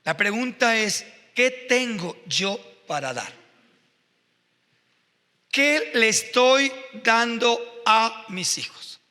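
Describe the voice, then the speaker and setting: Pastor guy preaching, high bright voice, gets fervent, big echoey church hall. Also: very animated, very slow, pauses often. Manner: emotional, storytelling with rising fervor. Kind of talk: sermon.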